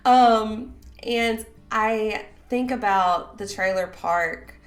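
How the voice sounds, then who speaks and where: A young Southern woman with a Southern American accent, sick and raspy-voiced, chatting loosely over a game build with lots of fillers. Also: on the low side, unhurried, fairly bright tone. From Southern United States. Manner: rambling, chatty, many fillers. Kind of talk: casual voice-over commentary.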